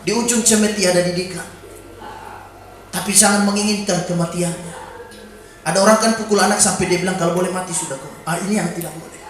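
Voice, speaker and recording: A man preaching a sermon in a church, breaking into sudden shouted calls and exclamations. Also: high-pitched, fairly even intonation, brisk, pauses often. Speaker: pastor. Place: church during a Wednesday evening service. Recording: very echoey church hall.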